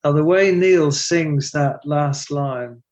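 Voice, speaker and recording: A middle-aged man talking in an interview as a guest, animated and emotional, laughing often and poking fun at himself. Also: a little high, takes it slowly, muffled recording. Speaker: guest, translator and stage performer. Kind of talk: conversational interview.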